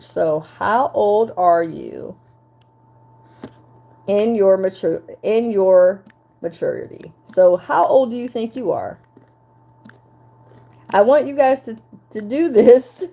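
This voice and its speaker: A woman's voice: mid-range voice, creaky. A woman in her fifties, a relationship coach, talking live to her viewers and the chat in a chatty, repetitive way. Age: 50s. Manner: animated, talks straight to the chat, repeats herself. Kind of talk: live-stream talk to viewers.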